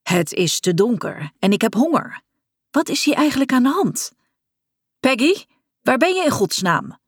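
A woman reading the lines of a bewildered, grumpy 92-year-old man in a storybook, in a breathy voice, calling out irritably. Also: mid-range voice, expressive, unhurried, dry recording, studio quality.

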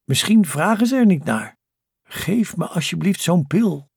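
A man's voice: high-pitched, lively intonation, measured pace, vocal fry, darkish tone, husky, dry recording, clean studio sound, heavily acted. A man doing a frightened hissing scientist. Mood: anxious. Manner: hissing, fierce and anxious.

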